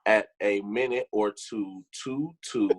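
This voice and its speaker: A man's voice: lowish voice, slow, rough recording. A man co-hosting a podcast, chatting casually, laughing and cursing while he reads tongue twisters aloud. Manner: laid-back, laughing, cursing. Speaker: podcast host.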